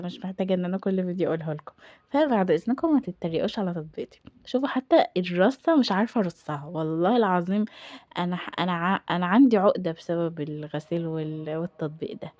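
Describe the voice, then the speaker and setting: A woman's voice: fairly low pitch, warm tone, dry recording, lo-fi sound. A young woman with an Egyptian accent chatting casually in a home vlog, exasperated and self-deprecating. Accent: Egyptian Arabic. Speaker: home vlogger.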